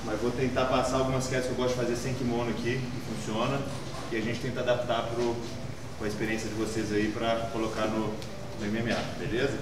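A man's voice: medium pitch, level tone, fast talker. A Brazilian man talking casually as an athlete and grappling instructor. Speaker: jiu-jitsu instructor, athlete. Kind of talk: casual talk and demonstration. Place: large indoor training gym. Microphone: far camera. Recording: echoey, distant, noisy gym.

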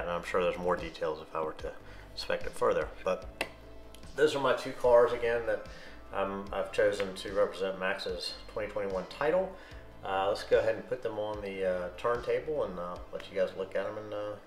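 Deep-voiced man, relaxed, in an echoey room. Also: moderate pace, soft background music. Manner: relaxed, hesitant, many ums and uhs. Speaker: model car collector reviewing his collection. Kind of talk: casual unscripted product review. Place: room indoors, hands on a table with models.

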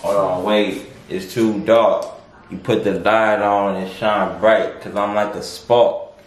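A man's voice: on the low side, steady tone, slow pace, echoey room, slight background noise. A young American man chatting casually on a home vlog, groggy and slurring his words with a swollen mouth after wisdom teeth surgery. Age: young adult. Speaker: vlogger. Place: at home, handheld camera indoors.

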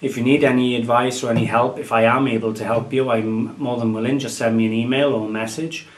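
For his casual show-and-tell vlog, a Welsh antiques dealer in his thirties sits indoors in his dining room and talks over his market finds, tossing in "um" and "guys" as he shares tips. His mid-range voice moves at a quick pace with fairly even intonation.

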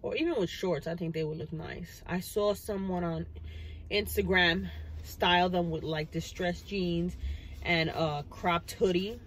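With a fairly low, rather evenly pitched voice and a slightly slow pace, a woman in her thirties rambles casually to the camera from her parked car, filling her talk with fillers. This vlogger records on a dashboard phone camera, so the audio is low quality with slight background noise.

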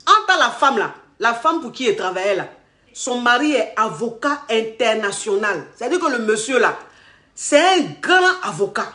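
A woman's voice: a little high, normal speed. Woman telling her story, echoey room. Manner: animated retelling with acted quotes. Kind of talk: personal storytelling.

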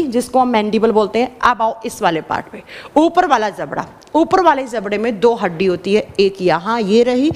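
A woman teacher giving an animated classroom lecture, quizzing her students and answering her own questions. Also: fairly high pitch, in a large hall. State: dry throat.

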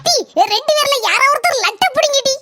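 A woman's voice: very high-pitched, animated, loud music behind the voice. A woman voicing a gluttonous, bossy village wife in a cartoon comedy, brash and scolding. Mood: scheming. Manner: brash, scolding, quick retorts.

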